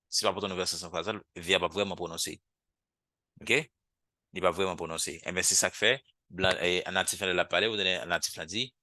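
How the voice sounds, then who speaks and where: A man's voice: low voice, bright, forceful tone, no echo. A man with a Haitian accent teaching an English lesson over a video call, repeating English phrases again and again so learners can copy them. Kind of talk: live online language lesson.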